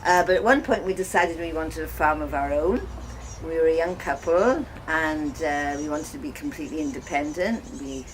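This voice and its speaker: A deep-voiced older Welsh woman, a farmer's wife who hosts guest lodging, casually tells visitors her life story, reminiscing in a halting, conversational way. A guest filmed the informal talk, and the home video carries noisy ambient sound.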